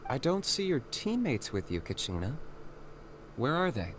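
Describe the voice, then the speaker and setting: A man voicing a calm, stern young man in a video game, who speaks in a dry, level, reproachful way. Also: medium pitch, moderate pace, a little hiss or hum, lightly acted.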